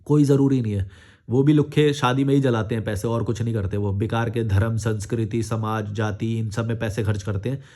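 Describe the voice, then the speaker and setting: A man's voice: fairly low pitch, steady tone, a little fast, warm tone. A man casually reading out and answering viewer comments, blunt and scolding, mixing English words into his talk. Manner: blunt, scolding, speaks his mind frankly.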